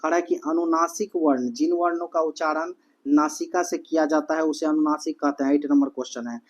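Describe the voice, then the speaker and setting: A man teaching an exam-prep Hindi grammar lesson, repeating letters and answers slowly for students. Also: on the high side, flat delivery. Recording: dull lo-fi audio.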